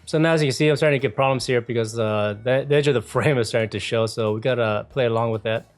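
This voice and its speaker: A man presenting a casual software tutorial in an informal way, often checking in with the listener as he explains each step. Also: medium pitch, fast talker. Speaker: video editing tutorial presenter.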